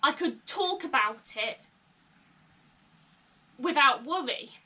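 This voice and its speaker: Speaking slowly and expressively, a young woman opens up in a personal bedroom vlog, her high voice pushed and bright. She stutters now and then and laughs nervously, picked up by a camera mic a short way off that sounds slightly distant.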